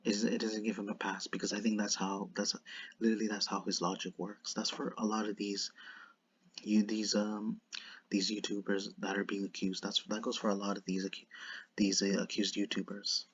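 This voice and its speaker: A man speaks in a low, monotone voice, with a lisp that whistles on his s sounds. He comments off the cuff, haltingly, often repeating and restarting phrases. The microphone sound is dull and lo-fi. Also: slightly rough. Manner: halting and repetitive, circling back over phrases. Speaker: online commentator. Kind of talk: unscripted commentary.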